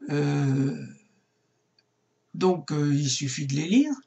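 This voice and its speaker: Slow, patient man teaching Hebrew grammar. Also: a little high, vocal fry, warm tone, highs cut off. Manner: slow, patient, spelling out words. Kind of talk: recorded lesson.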